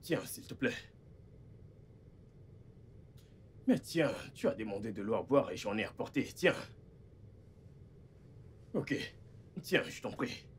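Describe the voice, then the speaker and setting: A man's voice: lowish voice, expressive, unhurried, pauses often, a little hiss or hum. A man dubbing a film in French as an impatient, irritable man who grudgingly looks after his sick partner and scolds her. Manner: exasperated, scolding. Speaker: dub actor.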